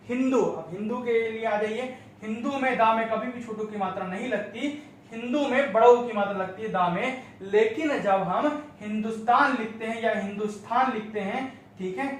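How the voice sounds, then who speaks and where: A man teaching an exam-prep grammar lesson, slowly repeating correct and incorrect forms to drill them in. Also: sits high, a little hiss or hum. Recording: very echoey room, mic at a distance.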